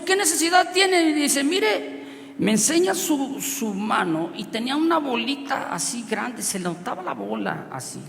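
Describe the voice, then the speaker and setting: A Mexican preacher tells a story from the pulpit, his gravelly voice jumping between shouted lines and hushed, chuckling asides. His words ring out in a big hall with a long tail of reverb. A faint hiss sits under the recording. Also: high voice. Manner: animated, swings from loud outbursts to quiet asides, laughs often. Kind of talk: storytelling sermon.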